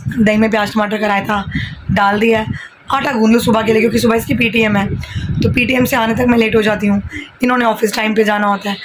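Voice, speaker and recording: A woman in her thirties, slightly hoarse, chatting casually through a home vlog while cooking in her kitchen, holding her phone in one hand. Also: fairly high pitch, background noise. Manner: chatty, mixing Hindi with English phrases. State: hoarse from shouting. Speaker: vlogger and home tutor. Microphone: handheld phone.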